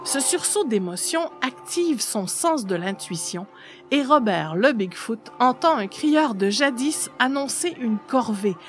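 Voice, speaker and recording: A woman narrates a literary story in an expressive reading style. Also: fairly high pitch, unhurried, over music.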